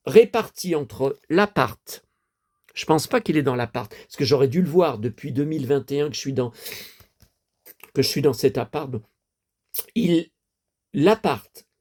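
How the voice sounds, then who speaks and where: A man's voice: on the high side, mellow. A man in his fifties, a collector chatting casually to camera, rambling and repeating himself with many fillers. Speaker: toy collector vlogger.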